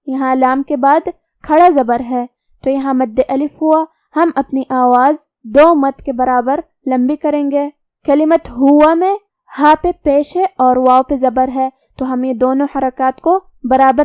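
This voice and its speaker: Lady teaching quran tajweed, high clear voice, dry close mic, patient and careful. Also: darkish tone, no echo. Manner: patient, explains each letter then recites slowly. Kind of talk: tajweed lesson with slow recitation.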